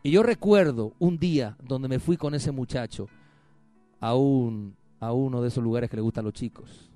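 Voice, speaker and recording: A man's voice: mid-range voice, normal speed, mellow, no echo, soft background music. A man preaching a sermon with rising fervor, calling the congregation to repeat after him. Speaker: pastor.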